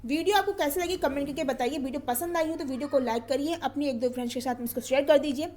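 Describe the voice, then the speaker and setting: A high-voiced woman teaching an exam-prep grammar class. She talks methodically and repeats each word twice. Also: quick pace, darkish tone.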